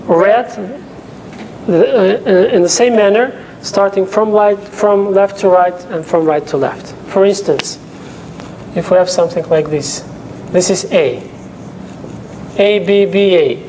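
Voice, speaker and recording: Here a young man, a teaching assistant who isn't a native English speaker, lectures slowly in a high, slightly mellow voice. He breaks things into steps and keeps checking understanding with "okay?" in a room fitted with a projector and whiteboard. His lapel mic gives a rough recording with slight background noise.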